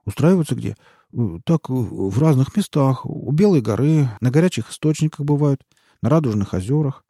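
A man's voice: mid-range voice, animated, moderate pace, dark tone, slightly rough, no room sound, studio quality, pitched above the performer's own voice. A man reading aloud and voicing a fawning, frightened male snitch who pleads and wheedles in folksy slang. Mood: wheedling.

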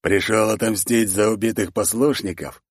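A man voicing a gruff, impatient dwarf warrior. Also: lowish voice, steady tone, moderate pace, no room sound, clean studio sound. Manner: blunt, impatient.

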